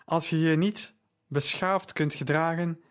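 A man reading the part of a poised wealthy woman who speaks calmly and firmly. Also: fairly high pitch, measured pace, clean tone. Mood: cool, firm.

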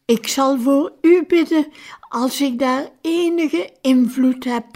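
A woman's voice: high-pitched, slow, a little mellow, pitched above the performer's own voice. A woman voicing a feverish, dying male priest who speaks faintly and short of breath. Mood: weak, faint.

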